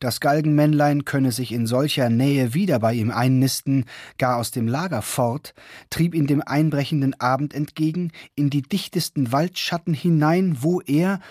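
A man narrating an old fairy tale in a measured, old-fashioned storytelling manner for a radio drama. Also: medium pitch, darkish tone, husky, no room sound, clean studio sound. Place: studio.

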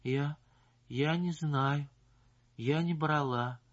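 A man's voice: on the high side, drawn-out words, dull audio, voice pushed up. A man voicing a defensive, flustered young female chorus singer who protests in a plaintive, evasive way.

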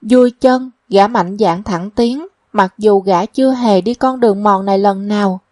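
A woman narrating a novel as a measured audiobook reading, also speaking the characters' quoted lines. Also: mid-range voice, darkish tone, dry recording, studio quality.

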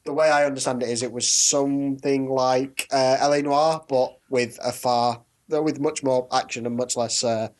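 A man's voice: mid-range voice, steady tone, normal speed, few pauses. A man in a casual chat who often stammers as he starts a sentence and laughs a lot while he talks. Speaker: podcast co-host.

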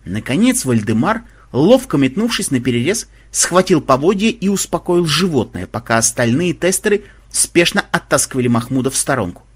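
Husky man narrating a lively story. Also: a little high, normal speed, few pauses. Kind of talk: audiobook narration.

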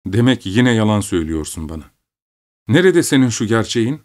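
A man's voice: fairly low pitch, sing-song, fairly quick, darkish tone. A man voicing a bitter, accusing father just back from war. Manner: angry, accusing.

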